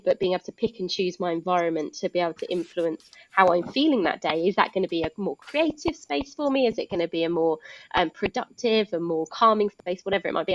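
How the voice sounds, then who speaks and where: A woman's voice: lowish voice, highs cut off, slight background noise. A woman speaking as a guest in a live online talk, chatty and explanatory with many fillers. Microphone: video call.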